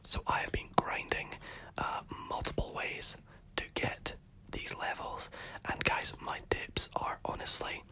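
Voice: measured pace, poor audio. Whispering gamer with a fading voice. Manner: soft unvoiced whisper, chatty, self-correcting. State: losing their voice, coughing. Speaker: gaming video host. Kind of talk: whispered ASMR gameplay commentary.

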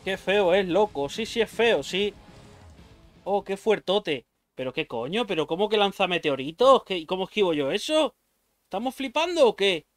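High-voiced guy losing it during a boss fight, swearing, yelping, voice jumping all over, faint music behind. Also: big pitch swings, moderate pace. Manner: frantic, swearing, yelps and self-talk while fighting a boss. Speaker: gaming youtuber. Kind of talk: excited gameplay commentary.

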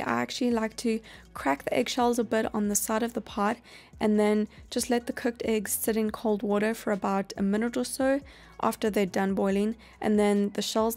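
A woman narrates a meal-prep tutorial in a calm, explanatory voice-over. Her voice sits a little high, and she walks through each step plainly. Soft music plays quietly behind her. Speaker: cooking channel host. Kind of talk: instructional voice-over.

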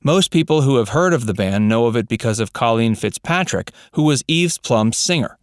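A man narrating a scripted voice-over, reading facts in an even, read-out way. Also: medium pitch, moderate pace, clear, resonant tone, no room sound, clean studio sound.

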